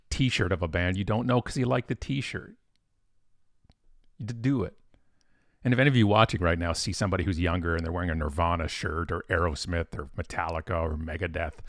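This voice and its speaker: A professional speaker hosts a casual live-stream Q&A, talking in an animated, chatty way with bursts of excitement and plenty of fillers and restarts. His voice sits low, and the studio-quality recording has no echo.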